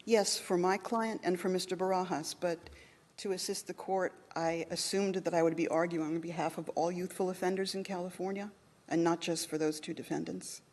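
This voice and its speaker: A woman lawyer delivering a formal oral argument in a measured, deliberate manner in a courtroom. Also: fairly low pitch, steady tone, a little mellow. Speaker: appellate lawyer. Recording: faint background noise.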